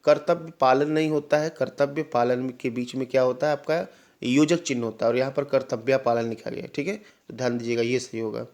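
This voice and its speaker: A man's voice: medium pitch, steady tone, brisk, darkish tone. Man teaching an exam-prep language lesson. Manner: explains patiently, often repeats "ठीक है" to check understanding; addresses students directly, sometimes calling them "भाई".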